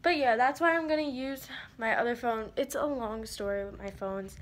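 Teen girl vlogger, high bright voice, rambling self-mocking chatter into a phone at home. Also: moderate pace, slight background noise. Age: teenager. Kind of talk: casual vlog chat. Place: at home indoors. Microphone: phone held at arm's length.

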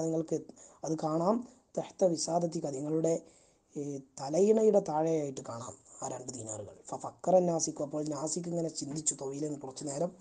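A woman's voice: low voice, warm tone, breathy edge. A woman teacher reading a story phrase by phrase and translating each line as she goes. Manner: reads each phrase, then explains it in her own language.

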